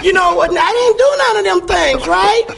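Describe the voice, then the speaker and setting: High, gravelly woman with a missing tooth. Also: moderate pace. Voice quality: gap-toothed speech from a missing front tooth. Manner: emphatic, folksy, animated storytelling. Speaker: church member giving testimony. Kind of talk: spontaneous personal testimony. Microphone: handheld or stage microphone.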